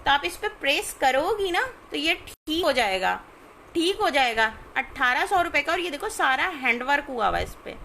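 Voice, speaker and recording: A woman, chatting informally as she sells clothes on a live stream and often checking in with her listeners, over clear background noise. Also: high-pitched, big pitch swings, moderate pace, pushed and bright. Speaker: live online clothing seller. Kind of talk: casual live shopping sales chat.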